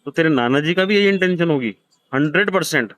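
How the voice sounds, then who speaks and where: A man's voice: on the high side, lively intonation, brisk, a bit bright, no room sound. A man in his thirties, hosting, gives a blunt, profane scolding to a gambler in a harsh heart-to-heart lecture. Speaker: host counseling a gambler.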